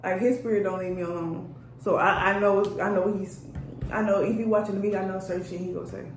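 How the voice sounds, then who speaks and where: A woman's voice: medium pitch, fairly even intonation, quick pace. A woman giving a casual tarot reading to her viewers, blunt, profane and chatty as she talks straight at them. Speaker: energy reader. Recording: roomy echo, faint background noise.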